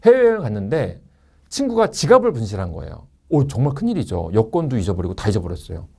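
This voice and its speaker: Casting note: middle-aged man, mellow tone, very expressive pitch, sales-course lecturer who slips into little customer voices. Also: gravelly, breathy edge. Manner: animated, acts out customer and staff lines in quick asides.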